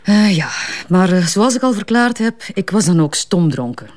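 In a naturalistic crime drama, a Flemish-accented actress portrays a frank advertising strategist who bristles under police interrogation. Her medium-pitched voice has lively intonation and a darkish tone, and she plays it lightly, coming across defiant and candid.

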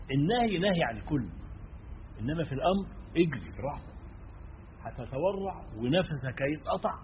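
A man with an Egyptian accent preaching a sermon, turning from emphatic stress to quiet asides and checking in with his listeners. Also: a little high. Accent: Egyptian Arabic. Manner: swings between emphatic and hushed, asks listeners "right?". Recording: dull lo-fi recording with faint noise.

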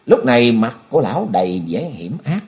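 A man's voice: mid-range voice, very animated, brisk, darkish tone. A man narrating a martial-arts novel aloud with a dramatic, swinging delivery.

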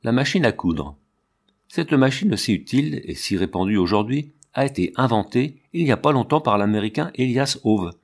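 A man narrating a storybook aloud in a measured, even reading voice. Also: mid-range voice. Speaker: audiobook reader.

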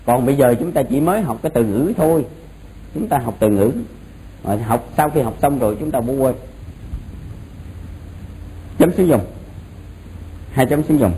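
A man's voice: mid-range voice, brisk, mellow, poor audio. A man giving an informal explanatory religious lecture, often repeating phrases for emphasis. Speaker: Buddhist monk teaching a doctrine class. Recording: noticeable background noise.

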